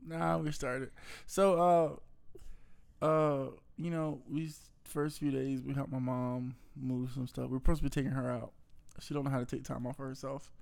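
Trucker man, gravelly voice, casual couple vlog chat from a hotel room, animated storyteller. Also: mid-range voice, moderate pace. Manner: animated storytelling, acts out quotes. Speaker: truck-driving vlogger. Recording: roomy hotel-room sound.

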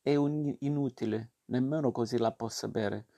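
A man's voice: mid-range voice, moderate pace, vocal fry, dark tone, close to an everyday voice. A man reading a storybook aloud and voicing a stubborn, whiny wooden puppet boy in a raised voice. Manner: whiny, protesting.

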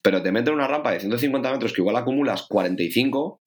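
A man spins a long anecdote in a relaxed podcast chat. His voice sits at an ordinary middle pitch, and he swears freely, acting out what went through his head. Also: rapid-fire. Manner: lively storyteller who swears and acts out his own thoughts. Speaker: podcast co-host, triathlete. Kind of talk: casual chat.

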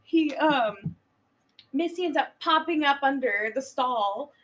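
Giggly high-voiced woman retelling a film. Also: slow. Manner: giggly, animated storytelling, swears casually. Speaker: podcast guest. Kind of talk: casual chat retelling a film plot.

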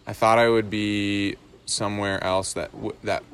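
A man's voice: lowish voice, little pitch movement, a little slow, a bit bright, slight background noise. A young man in casual podcast chat, thinking aloud and rambling with many fillers and restarts.

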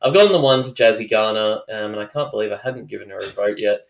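A man's voice: on the low side, fast, creaky. An Australian man co-hosting a casual sports chat, thinking aloud with hesitant restarts as he leads the segment. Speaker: podcast co-host. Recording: roomy echo.

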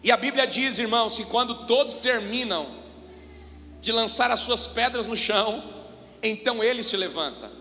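A man preaching a sermon, slowing down on scripture quotes and rising to shouts for emphasis. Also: very high-pitched, lively intonation. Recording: long reverb of a large hall.

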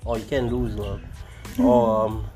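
A man's voice: fairly low pitch, steady tone, a little slow, dark tone, soft background music. A man with speech shaped by missing front teeth, joking boisterously and swearing as he trades riddles casually with friends.

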